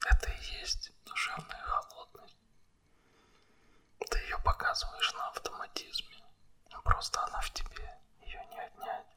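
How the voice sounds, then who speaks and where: A man speaking an ASMR monologue straight to the listener in a breathy, unvoiced whisper, right in the ear and close to the mic, with blunt wording. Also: a little slow, pauses often, sharp tone. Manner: blunt, coarse language.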